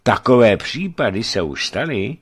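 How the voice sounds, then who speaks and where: A man's voice: medium pitch, big pitch swings, breathy edge, pitched above the performer's own voice. A man voicing a stern, cunning disguised priest who gives curt, authoritative orders. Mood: warning.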